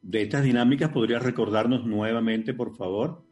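A Venezuelan man hosting an interview and asking measured, courteous questions. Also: medium pitch, darkish tone, soft background music. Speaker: host.

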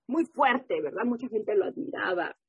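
A woman speaking at a recovery group meeting, giving her testimony and reading aloud, animated and often asking the listeners questions. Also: mid-range voice, normal speed, slightly rough, no echo. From Mexico. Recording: muffled phone-like audio.

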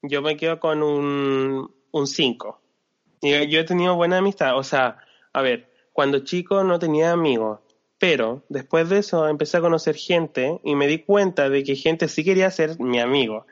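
A man's voice: a little high, normal speed. A young man with a Chilean accent, chatting casually in a hesitant, reflective way. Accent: Chilean Spanish. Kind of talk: casual chat. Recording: dull lo-fi audio.

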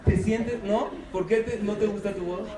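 A man's voice: high voice, steady tone, normal speed, a crowd in the background. A man giving a humorous lecture to a live audience, often asking them questions. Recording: echoey hall from far off, noisy.

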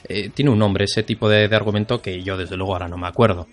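A man's voice: lowish voice, steady tone, fast. A man co-hosting a casual podcast chat, stammering a little and searching for his words. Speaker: podcast co-host.

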